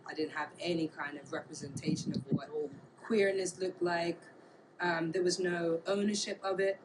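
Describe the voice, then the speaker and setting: A woman from Bermuda, talking casually and reflectively in an interview, pausing to search for words. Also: fairly low pitch, steady tone. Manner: thoughtful, halting, searching for words. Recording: clear background ambient noise.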